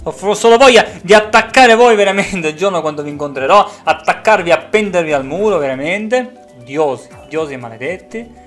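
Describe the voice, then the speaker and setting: A man streaming a racing game with a high, very lively voice that leaps from grumbling asides to shouting at rivals. Game music plays faintly behind him. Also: brisk. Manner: excitable, swings from mutters to yelling. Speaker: gaming streamer. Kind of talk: live gameplay commentary.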